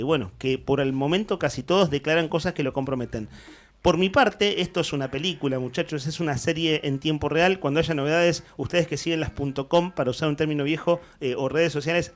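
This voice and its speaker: A man's voice: a little high, brisk. A man with an Argentine accent hosting a morning radio show, commenting on the news in a rambling way with many restarts. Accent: Argentine Spanish. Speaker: radio host. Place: radio studio.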